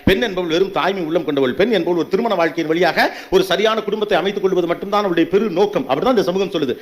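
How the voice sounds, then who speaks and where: A man's voice: high-pitched, racing. A man giving a motivational speech to an audience, emphatic and full of rhetorical questions and punchy repetitions. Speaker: motivational speaker.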